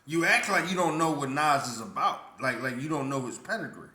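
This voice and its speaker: A man's voice: a little high, lively intonation, brisk, bright, forceful tone. Indignant man ranting in a roomy echo. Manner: repetitive, stammering restarts, blunt and indignant. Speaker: vlogger. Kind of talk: casual opinion rant.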